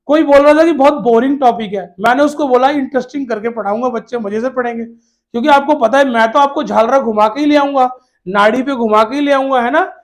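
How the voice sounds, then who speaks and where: A male teacher with a very high voice gives children an exam-prep lesson, rapidly asking questions that he answers on his own and repeating the key words. He addresses his students as "beta" in a fatherly manner.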